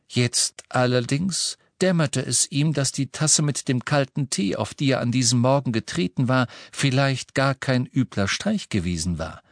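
A man narrating a novel as an audiobook in measured, expressive reading. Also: fairly low pitch, dry recording, studio quality. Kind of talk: scripted narration.

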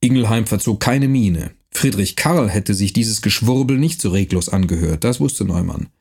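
A man narrating an audiobook in a measured, even storytelling manner. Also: fairly low pitch, creaky, breathy edge.

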